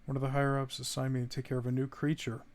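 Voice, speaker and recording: A man's voice: medium pitch, completely flat delivery, very fast, slight background noise. A man streaming a horror game, commenting casually, swearing when startled and reading in-game notes aloud. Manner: jumpy, swears when startled, laughs at grim text.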